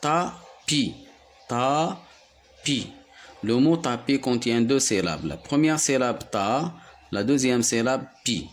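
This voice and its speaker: A man from Morocco with a Moroccan accent, teaching young children to read and repeating each word slowly, syllable by syllable. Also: medium pitch, expressive. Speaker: primary school teacher. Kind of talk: slow, deliberate reading lesson for young children.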